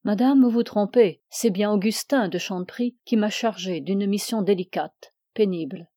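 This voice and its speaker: A woman reading aloud and voicing a calm, stern, grey-bearded older man who speaks in a measured, grave way. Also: medium pitch, no room sound, studio quality, lightly acted.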